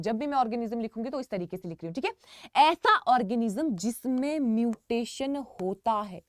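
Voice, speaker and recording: Lively emphatic Indian woman teacher. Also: on the high side, dry recording, studio quality. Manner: repetitive, emphatic, addresses students as kids. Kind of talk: online lecture.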